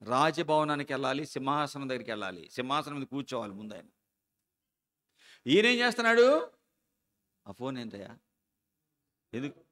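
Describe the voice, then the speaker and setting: A middle-aged man preaching a sermon as pastor, with sudden loud outbursts and slow, stressed repetitions. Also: medium pitch, big pitch swings. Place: church hall. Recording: long church hall reverb.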